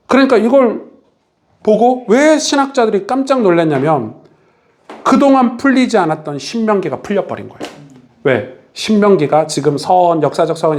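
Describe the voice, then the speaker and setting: A man leads a Bible study as pastor, talking to his church listeners. His voice sits a little high and moves through a wide, lively range. He keeps turning to his listeners with questions. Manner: animated, asks the audience questions.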